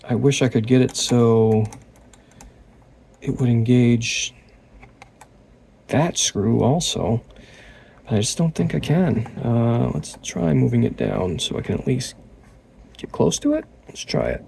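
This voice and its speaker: A man's voice: medium pitch, very animated, slow pace, vocal fry, pauses often, mellow, slight background noise. A man working as a guitar repair technician, talking casually through the job and muttering to himself between tasks. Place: repair workshop.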